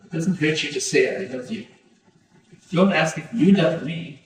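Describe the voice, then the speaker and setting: A man's voice: fairly high pitch, moderate pace. A middle-aged man, a pandit, giving an earnest devotional talk directly to his congregation. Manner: earnest, direct address to listeners. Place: community temple hall. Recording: very echoey hall, voice from far off.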